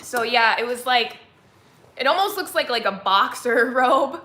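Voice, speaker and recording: A woman's voice: fairly high pitch, lively intonation, unhurried, pushed and bright. A woman in her twenties hosting a casual live chat, rambling and chatty with lots of "like" fillers, at home. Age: 20s. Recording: echoey room.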